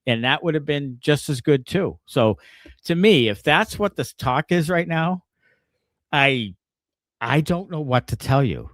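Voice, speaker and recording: A man hosts a casual sports podcast, talking in a lively, swinging voice that rises and falls a lot. He rants with plenty of swearing. The sound is close and dry. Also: on the high side, measured pace, dry recording. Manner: animated, profane ranting. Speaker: podcast host.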